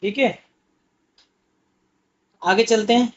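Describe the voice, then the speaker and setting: A man's voice: very high voice, steady tone, slow pace. A man teaching an Urdu exam-prep lesson, explaining patiently and asking questions that he answers himself. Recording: muffled lo-fi audio.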